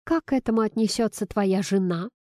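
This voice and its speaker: A woman's voice: medium pitch, brisk, a little mellow, dry recording, studio quality, lightly acted. A woman reading the part of a defiant, hot-tempered young woman who answers sharply and with indignation.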